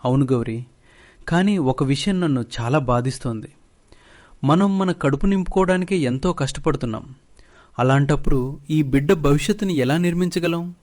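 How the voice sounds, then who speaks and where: A man's voice: fairly high pitch, moderate pace, darkish tone, close to an everyday voice. A man voicing a humble poor farmer. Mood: resolute. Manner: pleading, humble. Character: poor humble young farmer, a worried father.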